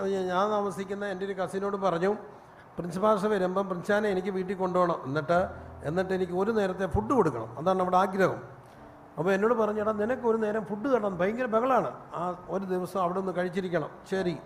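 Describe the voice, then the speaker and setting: A high-pitched male pastor preaching a sermon in a reverberant hall, with faint noise behind him. He tells his stories in a loose, conversational way and then climbs into fervent, emphatic preaching.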